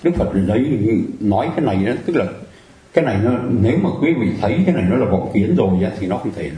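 A man's voice: lowish voice, mellow, echoey room, rough recording. A man giving a Buddhist dharma talk in a conversational way, often turning to the audience with questions to check they agree. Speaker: Buddhist teacher.

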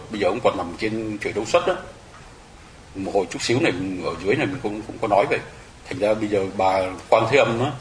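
Fast-talking man giving a dharma talk. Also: lowish voice, reverberant, a little hiss or hum, rough recording. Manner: explanatory, rhetorical questions to the audience. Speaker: Buddhist monk teacher. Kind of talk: dharma talk to lay followers.

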